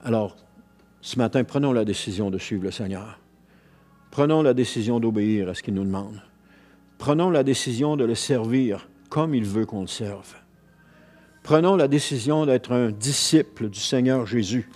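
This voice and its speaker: A male pastor with a Quebec French accent delivers a sermon in an earnest, mid-pitched voice. He leans on repetition, circles back on his own phrases and restarts sentences as he builds his point. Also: normal speed, a little mellow.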